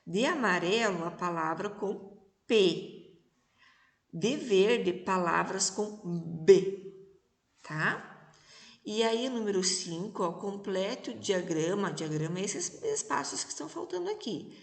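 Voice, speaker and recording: A Brazilian woman teaching young children in a remote lesson, speaking slowly and patiently and stretching out syllables. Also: medium pitch, lively intonation. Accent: Brazilian Portuguese. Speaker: primary school teacher. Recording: echoey, reverberant room.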